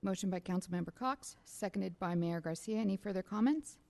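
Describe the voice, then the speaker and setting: A woman's voice: mid-range voice, a little fast, gravelly. A woman serving as city clerk, reading motions and recommendations aloud at a council meeting. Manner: reads motions and recommendations in a steady procedural tone. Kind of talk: formal meeting procedure.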